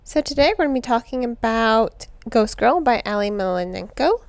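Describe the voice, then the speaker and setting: A woman's voice: on the high side, lively intonation, moderate pace, no room sound. A woman in her thirties, hosting her own show and reviewing a book in a chatty, enthusiastic way, with lots of fillers and restarts. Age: 30s. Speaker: book reviewer, podcast host.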